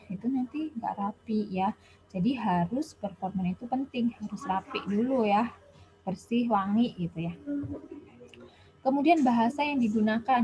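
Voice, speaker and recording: A woman gives a relaxed spoken lecture, chatting along with plenty of fillers. Her voice sits at a middling pitch for a woman. The recording is dull and muffled, like a basic lo-fi voice memo. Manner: chatty, with many Javanese-flavored casual fillers. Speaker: health education lecturer.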